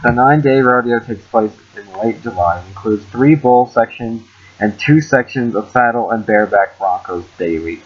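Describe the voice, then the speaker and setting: A man's voice: medium pitch, moderate pace, husky. A young American man co-hosting a podcast in casual group chat. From Wyoming, USA. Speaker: podcast co-host. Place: outdoors in a park. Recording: dull lo-fi amateur recording.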